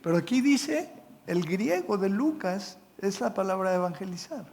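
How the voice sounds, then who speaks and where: A man's voice: high-pitched, sing-song, moderate pace, creaky, a little mellow, in a large hall, a little hiss or hum. A man with a Mexican Spanish accent preaching a sermon in a church, reading scripture and checking in with the congregation. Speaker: pastor. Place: church sanctuary.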